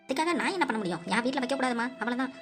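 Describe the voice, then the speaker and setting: A woman's voice: a little high, lively intonation, racing, close to an everyday voice. A woman voicing a harsh stubborn cartoon landlady. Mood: scolding, curt. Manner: scolding, curt. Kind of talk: cartoon voice acting. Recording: music loud behind.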